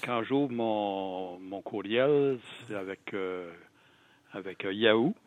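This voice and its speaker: A man calling a radio show by phone, asking questions in a halting way. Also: on the low side. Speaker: phone-in caller. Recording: tinny narrow phone line.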